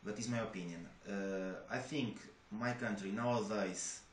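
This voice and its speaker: Interviewing for a job, a young man with a Portuguese accent and a low-ish voice speaks at normal speed but hesitantly, with many restarts and fillers. The room gives his voice an echo, and there is faint noise.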